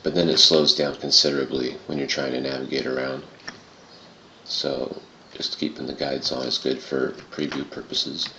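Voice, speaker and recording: A man with an extremely low, gravelly voice walks through a software tutorial in a casual style. His throaty tone comes through a dull, lo-fi home recording with roomy echo. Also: flat delivery, normal speed. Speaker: tutorial presenter. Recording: muffled, roomy home recording with clear noise.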